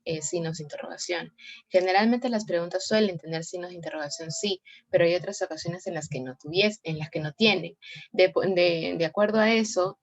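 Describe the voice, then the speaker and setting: A woman's voice: lowish voice, highs cut off. A woman explaining grammar in a class, often checking with "¿no?" and correcting herself. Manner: frequent tag "¿no?" and self-corrections. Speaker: teacher. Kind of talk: explaining sentence types in a class.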